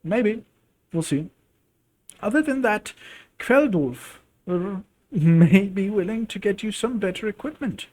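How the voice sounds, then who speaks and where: A man voicing an older woman, a wise and worried clan mother, with earnest, gentle advice in a role-playing game. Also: sits high, lively intonation, takes it slowly, pitched above the performer's own voice, heavily acted.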